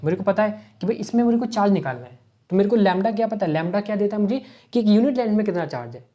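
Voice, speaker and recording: In a dull, lo-fi recording, a man with a high, dark-toned voice works through an exam-prep physics lecture on a board. He poses rhetorical questions and answers them step by step, mixing in English math terms.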